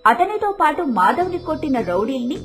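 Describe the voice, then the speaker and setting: A woman's voice: sits high, sing-song, normal speed, fairly bright tone, soft background music. A woman narrating the end of a scripted story.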